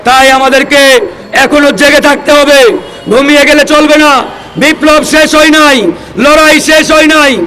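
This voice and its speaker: A man's voice: very high voice, little pitch movement, a little slow, sharp tone, poor audio. A Bangladeshi man delivering an impassioned political speech in the declamatory manner of a soapbox orator, addressing his supporters. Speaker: political activist speaker. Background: crowd of supporters.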